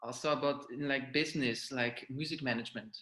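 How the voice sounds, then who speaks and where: A young Belgian man talks about his training in a bright, forward voice. He speaks haltingly, restarting his phrases often. The room around him rings with noticeable echo. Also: medium pitch, steady tone. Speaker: violinist guest. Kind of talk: interview conversation. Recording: roomy echo.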